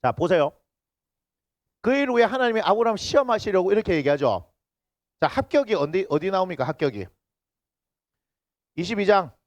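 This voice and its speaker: A male pastor with a Gyeongsang accent preaches a lively sermon, his fairly high voice leaping up and down as he jokes with the congregation. The sound is close and dry, caught on a handheld microphone. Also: moderate pace, pauses often, dry recording. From Busan. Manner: lively, teasing, banters with the congregation. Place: church sanctuary.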